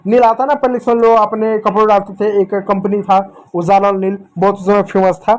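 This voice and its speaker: A man teaching children to read, slowly sounding out letters and syllables and coaxing them to repeat after him. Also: high voice, flat delivery. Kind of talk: children's reading lesson.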